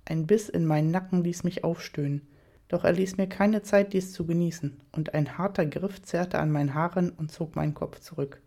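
Woman reading an erotic story, mellow tone. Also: lowish voice, fairly even intonation, moderate pace. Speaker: audiobook narrator.

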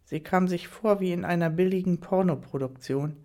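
Woman narrating a story, low and mellow. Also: moderate pace.

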